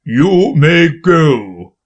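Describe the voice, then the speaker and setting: A man voicing a pompous, fretful king in a storybook reading, slow and grave. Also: on the high side, big pitch swings, dull audio, pitched above the performer's own voice, full character voice.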